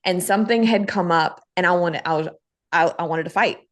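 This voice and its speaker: Animated woman host telling a story. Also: lowish voice. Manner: animated storyteller, quick asides and laughs. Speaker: podcast host. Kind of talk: casual interview chat.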